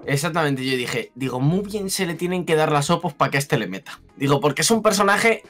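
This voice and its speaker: Guy hosting a chat, talks fast and a bit high, colloquial, faint music behind. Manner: animated, colloquial, quotes himself. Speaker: host. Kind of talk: casual interview chat.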